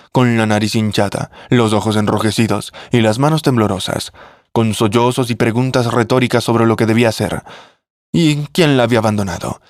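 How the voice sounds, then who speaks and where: A man narrating a family drama story in a steady, measured way. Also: fairly low pitch, no echo, clean studio sound.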